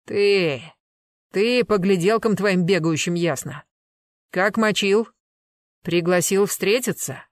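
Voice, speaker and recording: Brief: a reader doing a hulking male bodyguard, loud and threatening, dry close read. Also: high voice, moderate pace, hardly any pauses, no echo, close to an everyday voice. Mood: menacing. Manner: loud, bullying, interrogating. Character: burly menacing male bodyguard, rough and threatening.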